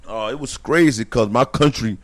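A man's voice: mid-range voice, moderate pace. A man from Liberia, a personal trainer and bodybuilder, telling stories in a laid-back way with streetwise slang in a casual interview.

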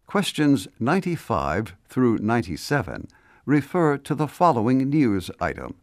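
Formal male exam narrator, lively intonation. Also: mid-range voice, a little slow, no echo, studio quality. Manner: formal, instructional. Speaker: listening test narrator.

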